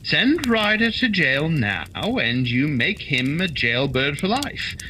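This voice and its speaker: An actor playing an earnest, kindly doctor, a detective's loyal companion, in a radio play. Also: male voice, fairly high pitch, big pitch swings, takes it slowly, sharp tone, a little hiss or hum, full character voice. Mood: earnest persuading. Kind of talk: holiday radio play acting.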